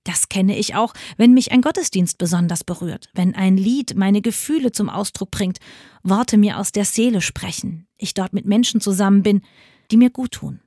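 A woman's voice: mid-range voice, normal speed, mellow, dry recording, clean studio sound. A woman giving a scripted spiritual reflection, speaking in a personal, earnest way. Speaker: devotional speaker.

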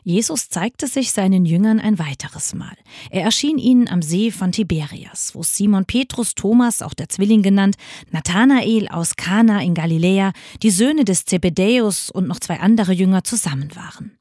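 A woman reading Bible passages aloud in a radio church service, measured and expressive. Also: mid-range voice, no echo, studio quality. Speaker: scripture reader.

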